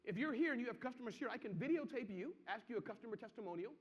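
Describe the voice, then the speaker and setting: A man giving an interactive business seminar to a live audience, energetic and constantly checking that people follow him. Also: very high voice, rapid-fire, breathy edge. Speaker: seminar presenter. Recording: muffled, echoey hall.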